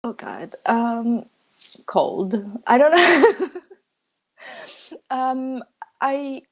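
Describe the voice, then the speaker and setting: A young woman from Tunisia, a medical student, chatting casually in an interview, laughing often and pausing with fillers. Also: sits high, very animated, dull audio.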